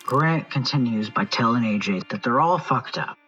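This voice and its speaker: A narrator reading a scripted recap of a tabletop role-playing game in an expressive storytelling manner. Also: medium pitch, moderate pace. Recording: muffled recording with music behind.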